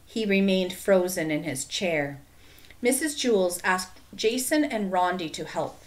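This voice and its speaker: A woman reads a storybook aloud at an unhurried pace. Her voice is lively, rising and falling with the story, and she lets each sentence settle. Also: lowish voice. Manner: expressive, measured reading. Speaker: audiobook narrator. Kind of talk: storybook narration.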